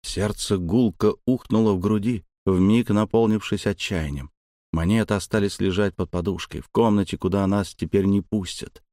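Low-voiced male audiobook narrator. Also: steady tone, moderate pace, warm tone, no echo, clean studio sound. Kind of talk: first-person scripted narration.

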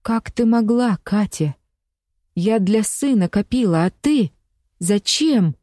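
A woman's voice: mid-range voice, animated, slow, mellow, no room sound, clean studio sound, pitched above the performer's own voice. A woman reading as a woman with a weak heart, hurt and pleading after a betrayal, in an audiobook. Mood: upset. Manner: shocked, pleading.

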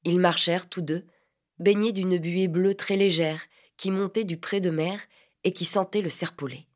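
A woman narrating a literary audiobook in a measured, even reading. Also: lowish voice.

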